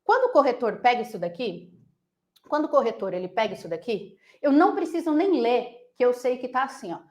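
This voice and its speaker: Woman, Brazilian accent, animated teacher, high pitch, roomy echo. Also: fairly quick. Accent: Brazilian Portuguese. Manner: playful, animated, uses silly nonsense sounds and voices. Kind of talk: online essay-writing lesson.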